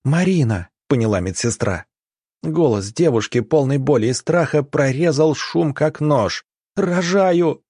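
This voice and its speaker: A man narrating an audiobook in a steady storytelling manner. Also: mid-range voice, normal speed, slightly rough, no echo.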